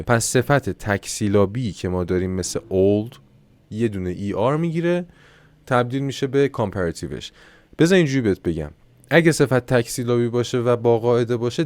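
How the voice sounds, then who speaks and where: A man teaching an English lesson online in Persian. He reads the English examples slowly and explains the grammar. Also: mid-range voice, darkish tone, dry recording. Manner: self-mocking aside.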